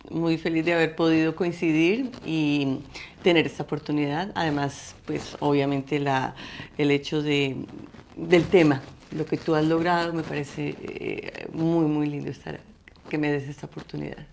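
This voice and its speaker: A middle-aged woman from Colombia, a guest artist telling her story in an interview, talking haltingly with many restarts and fillers. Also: deep voice, steady tone, vocal fry, a little mellow, a little hiss or hum. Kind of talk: interview conversation.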